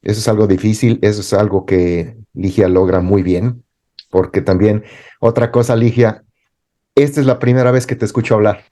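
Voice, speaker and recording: A man speaking as a teacher and guest in an interview discussion, thoughtful and halting, with frequent restarts. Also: lowish voice, steady tone, warm tone.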